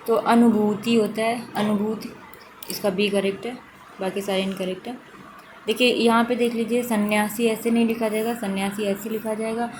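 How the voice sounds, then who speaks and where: A woman's voice: fairly high pitch, noisy background. A woman teacher going through exam questions one by one, repeating each correct form to stress it. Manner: steady explanatory, repeats correct forms for emphasis. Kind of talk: exam question walkthrough lesson.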